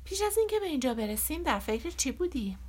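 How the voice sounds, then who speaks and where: A woman voicing a calm, perceptive young woman on a journey, speaking in a gently probing way. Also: high-pitched, pitched above the performer's own voice.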